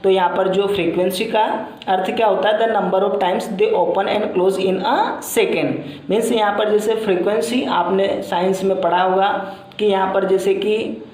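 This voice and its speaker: A male teacher giving a classroom lecture. He explains in repetitive, circling phrases with many fillers, and reads English lines out slowly before explaining them. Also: sits high, fairly even intonation, darkish tone. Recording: very echoey room.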